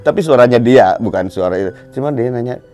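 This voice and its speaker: A middle-aged man from Bandung, a band musician, telling a story in an animated way on a casual podcast and acting out scenes with sound words. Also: mid-range voice, fast, soft background music. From Bandung, Indonesia.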